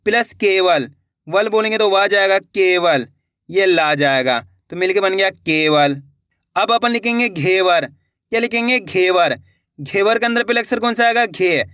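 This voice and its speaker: A man teaching beginners to spell Hindi words, slowly sounding out each syllable and repeating every word. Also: high voice, animated, bright, forceful tone, smooth, no echo, clean studio sound.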